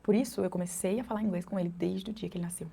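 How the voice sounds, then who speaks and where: A woman's voice: on the low side, steady tone, very fast, gravelly, warm tone, husky. A Brazilian woman in her thirties, an English teacher and mother, talking to camera in a chatty vlog with a Brazilian Portuguese accent, often adding tag questions.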